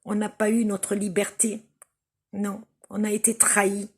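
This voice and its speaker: A woman from Algeria speaks straight to her viewers in an impassioned appeal. Her voice is husky and a little breathy, and her pace is very slow and deliberate. She hammers her points home by repeating them. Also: mid-range voice, little pitch movement. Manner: slow, emphatic, repeats phrases for stress. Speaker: vlogger addressing viewers. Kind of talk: impassioned spoken appeal to camera.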